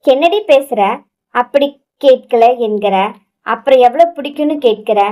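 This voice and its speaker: A woman's voice: sits high, animated, normal speed, warm tone. A woman voicing a hot-tempered but devoted young husband in a romantic audio story, scolding and impatient.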